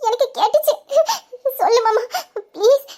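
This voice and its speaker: A woman acting out young woman, tender, tearful, coaxing, very high voice, audio drama. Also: lively intonation, moderate pace, warm tone. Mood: pleading.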